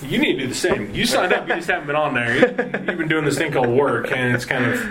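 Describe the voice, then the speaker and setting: A man's voice: fairly high pitch, animated. Male sports podcast host, worn out, loose rambling delivery with ums, faint background hiss. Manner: rambling, halting sign-off with many fillers. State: tired. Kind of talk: casual sports podcast chat.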